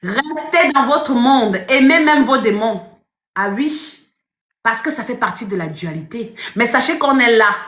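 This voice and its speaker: A woman coach talks on a phone live stream, emphatic and direct, circling back to the same phrases again and again. Her voice is fairly high and bright. The room around her rings with echo. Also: expressive, unhurried. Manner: emphatic, repeats phrases, addresses viewers directly. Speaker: life coach. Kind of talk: live-stream motivational talk.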